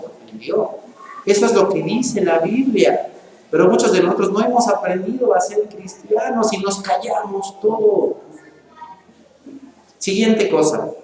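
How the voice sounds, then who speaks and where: A man preaches into a microphone in a church hall, his voice pitched fairly high for a man. He talks to the congregation like a neighbor, tossing questions at them and playing out little back-and-forth scenes. The room is very echoey with a long reverb tail over a faint background hiss. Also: darkish tone. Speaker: pastor. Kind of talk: sermon. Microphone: handheld or stand microphone.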